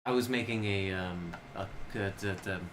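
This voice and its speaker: A man's voice: fairly low pitch, normal speed, noisy background. A man co-hosting a casual chat, rambling and stumbling over his words. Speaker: co-host, writer.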